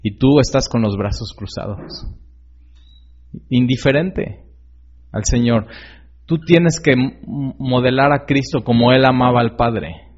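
An unhurried man with a medium-pitched voice preaches earnestly, leaving long pauses and often questioning the listener directly. His conversational style is packed with fillers and tag questions, heard through a slightly dull lo-fi recording.

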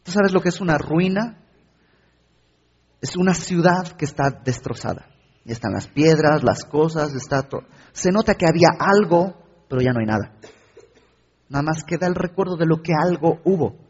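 A man preaching a sermon, his husky, fairly high voice often turning to ask the listener direct questions. The recording is dull and lo-fi, with a long hall reverb behind him. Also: animated, moderate pace, long pauses.

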